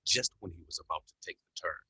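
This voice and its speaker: Male horror narrator, very low and gravelly, lively delivery, dry close sound. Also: fast talker, no room sound, low-quality recording. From Sri Lanka. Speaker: story narrator.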